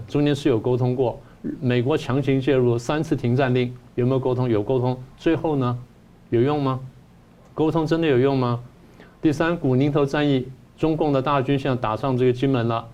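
Guy in his 70s, professor type, argues hard, keeps asking rhetorical questions, mid pitch. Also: darkish tone. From Taiwan. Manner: argumentative, fires repeated rhetorical questions. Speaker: political science professor, guest commentator. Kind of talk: political commentary lecture.

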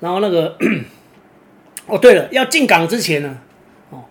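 A man with a Taiwanese Mandarin accent telling a personal story casually, rambling and filling pauses with drawn-out "oh"s. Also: sits high, very animated. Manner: rambling, fills pauses with drawn-out "oh"s, restarts words. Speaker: kitesurfer vlogger.

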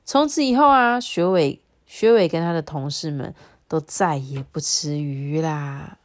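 Lowish-voiced woman reading children's stories. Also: a little slow. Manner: expressive, chatty with a child. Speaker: storyteller. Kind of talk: read-aloud storytelling for children.

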